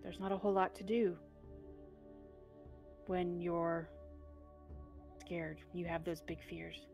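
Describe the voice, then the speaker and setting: A woman voicing a kindly older male temple keeper who talks slowly and softly to reassure someone. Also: lowish voice, flat delivery, faint music behind. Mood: gentle, reflective. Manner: slow, soft-spoken, reassuring.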